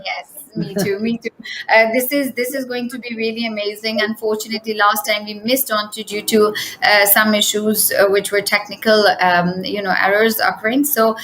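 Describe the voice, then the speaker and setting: A woman's voice: medium pitch, flat delivery, moderate pace, fairly bright tone, poor audio. Enthusiastic young woman interview host. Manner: enthusiastic, many fillers and restarts. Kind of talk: online interview hosting.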